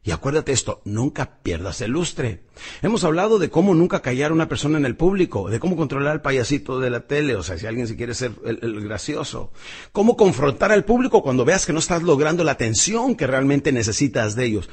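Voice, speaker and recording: A husky-voiced man teaches public speaking as a motivational coach. His delivery is very animated, with wide leaps in pitch. He jumps from loud bursts to hushed asides and calls the listener "champion". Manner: addresses the listener directly as champion. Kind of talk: motivational lesson.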